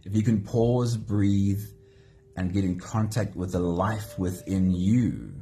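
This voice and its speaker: Low mellow guy leading a meditation live, slow and gentle. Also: expressive, soft background music. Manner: slow, gentle, greets viewers by name. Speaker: meditation host.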